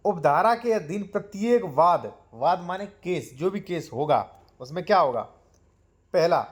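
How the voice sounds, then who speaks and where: A man teaches land law to his viewers in a fairly high voice. He explains step by step and calls them friends. He slows right down to read out the legal clauses.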